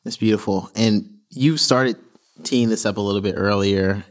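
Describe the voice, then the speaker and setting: A man's voice: fairly low pitch, steady tone, moderate pace. A man hosting an interview podcast, asking curious, encouraging questions. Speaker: podcast host.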